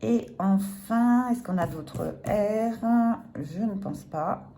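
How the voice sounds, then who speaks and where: A woman's voice: medium pitch, extremely slow, dark tone. A woman scratching a lottery ticket on camera, chatting casually and laughing at herself apologetically. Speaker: lottery scratch card vlogger. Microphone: phone or camera filming the ticket.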